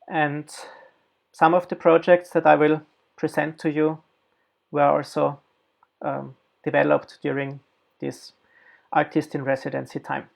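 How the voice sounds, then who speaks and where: With a voice pitched on the high side and marked by vocal fry, an Austrian man lectures as an academic guest. He's a designer and researcher whose delivery is halting and packed with fillers.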